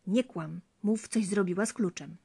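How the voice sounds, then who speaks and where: A woman voicing a cruel, threatening husband in a spoken fairy tale, with quiet, cold menace. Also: mid-range voice, normal speed, creaky, slightly rough.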